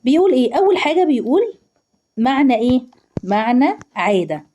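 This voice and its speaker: A woman's voice: high voice, sing-song, quick pace, dark tone. A woman teacher with an Egyptian accent, explaining word meanings to young pupils, asking questions and answering them herself. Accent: Egyptian Arabic. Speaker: primary school Arabic teacher.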